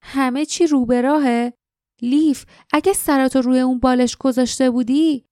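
A woman voicing a fierce, blunt young woman warrior in an audiobook, sharp and indignant. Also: mid-range voice, dry recording, clean studio sound, close to an everyday voice.

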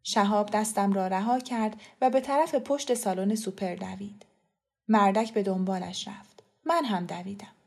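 Brief: woman storyteller, even mid pitch, quiet measured audiobook reading. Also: gravelly. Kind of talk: scripted audiobook narration.

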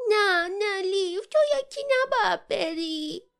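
A woman voicing a frightened young companion who pleads in a high, tearful voice. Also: lively intonation, gravelly, fairly bright tone, heavily acted. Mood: tearful pleading.

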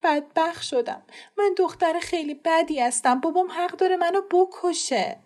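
A woman's voice: extremely high pitch, a little mellow, voice pushed up. A woman reading aloud who voices a frightened, ashamed teenage girl who speaks tearfully and pleads.

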